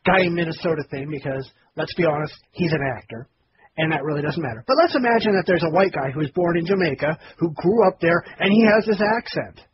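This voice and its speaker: A man with a high, lively voice co-hosts a casual podcast, making wry jokes and arguing his points. The audio is muffled and lo-fi, with clear noise behind him. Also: quick pace. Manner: wry, joking, argumentative. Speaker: podcast co-host.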